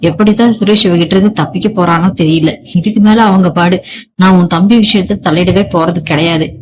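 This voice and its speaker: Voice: mid-range voice, steady tone, a little fast, slight background noise, close to an everyday voice. A storyteller reading the lines of a domineering, proud middle-aged man who blusters and accuses. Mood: irritated, boastful.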